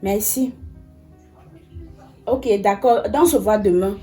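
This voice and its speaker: A woman's voice: mid-range voice, slow pace, mellow, soft background music, natural voice. An actress playing a tired woman pleading with her uncle, insistent and exasperated.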